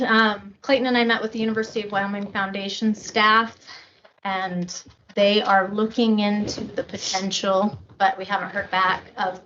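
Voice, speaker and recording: A woman reporting to a county board at a public meeting, measured and a little halting. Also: medium pitch, a bit bright. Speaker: county staff member reporting to commissioners. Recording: dull meeting room audio with faint noise.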